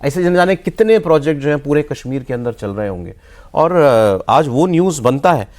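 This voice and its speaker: A male TV news anchor with a somewhat high voice and a lively, swinging intonation. He sets up the discussion and questions his guest animatedly, mixing English words into his talk. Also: moderate pace. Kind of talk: hosting a TV discussion.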